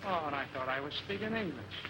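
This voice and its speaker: A man's voice: a little high, lively intonation, quick pace, lightly acted. An actor playing a cocky, slangy ladies' man in 1930s Hollywood film style. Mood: casual. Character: brash, smooth-talking wisecracking ladies' man. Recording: noisy old film soundtrack.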